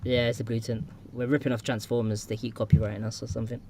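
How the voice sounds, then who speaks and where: A man's voice: medium pitch, level tone, quick pace, mellow, a little hiss or hum. A man co-hosting a music podcast, chatting casually with lots of fillers and restarts. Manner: rambling, filler-heavy, enthusiastic. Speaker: podcast co-host. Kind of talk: casual chat about music videos.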